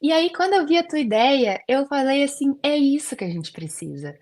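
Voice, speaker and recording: In a casual interview, a female guest dentist chats earnestly, her speech full of fillers such as "assim." Her voice is high and a little mellow, animated, at a normal pace.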